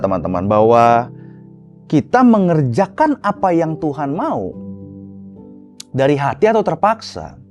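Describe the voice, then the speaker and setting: A man's voice: mid-range voice, a little mellow. A man, preaching a casual youth sermon full of rhetorical questions. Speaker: youth pastor.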